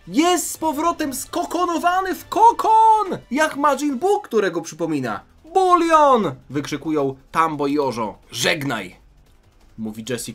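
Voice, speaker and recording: Youtuber excitable male comic reader, jokey, swears, faint music bed. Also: fairly high pitch. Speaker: youtuber reading a fan comic. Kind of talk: comic read-through with reactions.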